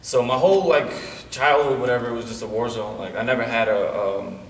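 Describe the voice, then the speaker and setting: Speaking a little fast in a medium-pitched voice, a wrestler from Bosnia in his late twenties talks as a guest in a casual interview. He's relaxed and keeps filling gaps with "you know what I'm saying," while the sound carries slight background noise and a distant, roomy echo.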